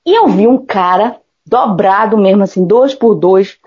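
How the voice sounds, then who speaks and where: A woman's voice: mid-range voice, unhurried, slightly rough. A woman from Salvador, Brazil, a singer telling a story in casual chat, acting out the voices of the people in it and swearing freely. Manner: animated, acts out quoted dialogue, swears casually. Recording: dull lo-fi recording.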